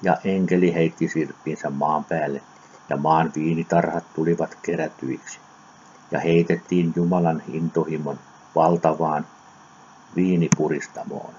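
A man giving a solemn, measured scripture reading for an audiobook, with occasional slips. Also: extremely low pitch, level tone, a little mellow. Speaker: scripture reader. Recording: dull lo-fi recording with faint noise.

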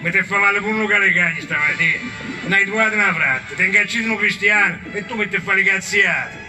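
A man's voice: sits high, quick pace, music in the background, natural voice, rough recording. Man doing a foul-mouthed rustic horseman. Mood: grumbling. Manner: crude dialect grumbling.

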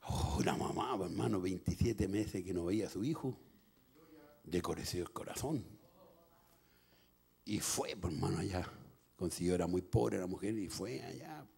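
A male pastor with a Chilean Spanish accent preaching a sermon through a personal story, going from hushed telling to loud shouting. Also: sits low, moderate pace, gravelly, pauses often.

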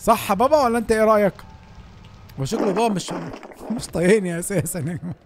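A young man with an Egyptian Arabic accent giving excitable, joking commentary over a school game, given to sudden panicked shouts. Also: rapid-fire, a little hiss or hum. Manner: excitable, yelps and shouts in panic, then calms to low asides. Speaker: gaming YouTuber. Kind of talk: comedic gameplay commentary.

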